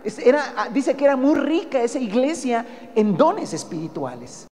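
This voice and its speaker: A Mexican-accented preacher giving a sermon, pressing each point home with emphasis and posing rhetorical questions to the congregation. The voice sits at a middling pitch, and a long hall reverb trails after every phrase. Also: sing-song, normal speed, warm tone. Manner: emphatic, keeps calling listeners "brother", asks rhetorical questions.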